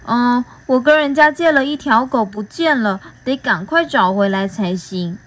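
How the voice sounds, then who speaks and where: A woman voicing a timid talking mouth in a storybook read-aloud, high-pitched and prone to stammering. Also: animated, moderate pace, fairly bright tone. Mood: worried.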